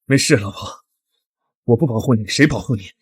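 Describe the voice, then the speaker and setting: An actor playing a protective young husband who speaks low and tenderly to his wife in a drama. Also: brisk, husky, dry recording. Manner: low, tender, soft-spoken. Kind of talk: TV drama acting.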